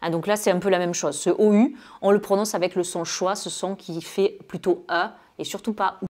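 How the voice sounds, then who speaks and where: A woman's voice: lowish voice, steady tone, brisk, a little mellow. A woman from France giving a video lesson on English pronunciation, explaining patiently with many fillers and a recurring "hein".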